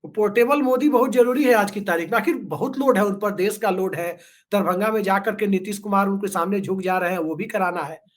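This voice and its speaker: A man with a notably high-pitched voice talks as a guest commentator in a casual political discussion. He is sarcastic and joking, drifting into storytelling asides to make his points. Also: brisk.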